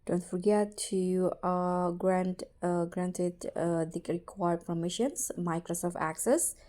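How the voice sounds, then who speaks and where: A woman hosts a casual how-to tutorial, narrating haltingly with repeated and corrected words. Her voice is lowish, steady, and warm.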